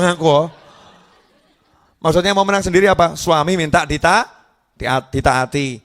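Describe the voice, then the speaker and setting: A man preaching a sermon, telling humorous stories in a lively, animated way. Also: on the high side. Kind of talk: religious sermon.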